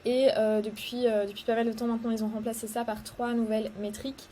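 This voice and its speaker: Young Belgian woman, casual tutorial host, slightly high pitch, hesitant with fillers. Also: flat delivery, quick pace, mellow, a little hiss or hum. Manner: hesitant, many fillers, explains step by step. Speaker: social media ads coach. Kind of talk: casual tutorial talk to camera.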